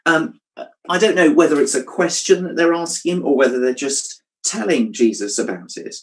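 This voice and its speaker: A man delivers a reflective sermon. His voice sits a little higher than most men's, and he keeps asking the listeners questions. When he quotes scripture, he lowers his voice to a soft hush. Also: animated, moderate pace, poor audio. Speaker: preacher.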